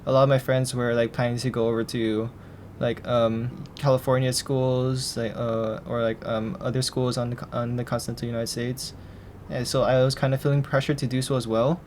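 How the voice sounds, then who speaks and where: Halting, monotone young man from Hawaii. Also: mid-range voice, slight background noise. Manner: halting and hesitant, full of restarts. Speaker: interview guest, film student. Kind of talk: casual interview answers.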